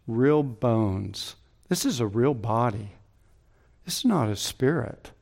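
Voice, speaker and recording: A male pastor delivering a sermon, explaining the passage earnestly and repeating phrases for emphasis. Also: medium pitch.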